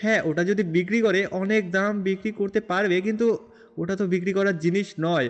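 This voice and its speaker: Chatty high-voiced man playing a game hero. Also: fairly even intonation, fast talker, lightly acted. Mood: worried. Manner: rambling, chatty, repeats fillers. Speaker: gameplay narrator and role-player. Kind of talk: game role-play narration.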